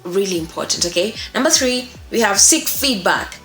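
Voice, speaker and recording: In this clip a young woman's voice is expressive and a bit bright, medium in pitch and moderately paced. She's a voice acting instructor offering a casual, supportive tutorial to camera, going over key points more than once for emphasis, in a small echoey room with faint music behind her.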